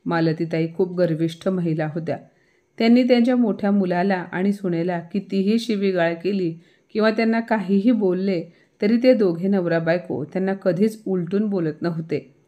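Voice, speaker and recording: A woman storyteller narrating a scripted family moral story in a steady, even way. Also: medium pitch, moderate pace.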